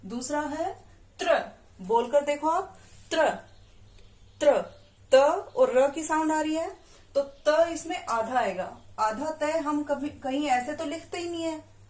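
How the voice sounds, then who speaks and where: A woman's voice: sits high, measured pace, a little mellow, reverberant. A woman teaching a primary school lesson, patiently drawing out syllables and asking the children questions. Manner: patient, stretches out syllables and quizzes the listener. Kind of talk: classroom lesson.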